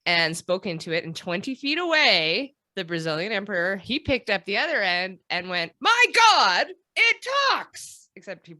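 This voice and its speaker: Woman, podcast co-host, casual chat, animated delivery, dry close sound. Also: fairly low pitch, a little fast, few pauses, no room sound. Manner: playful storytelling with frequent fillers and laughs.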